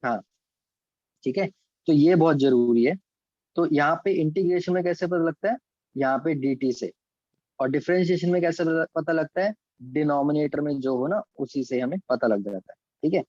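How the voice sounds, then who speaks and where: A man's voice: on the high side, normal speed, darkish tone, no room sound, highs cut off. A man with an Indian accent teaching calculus step by step in an online class. He mixes English terms into his Hindi explanations and checks in with students by name. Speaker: physics and maths teacher.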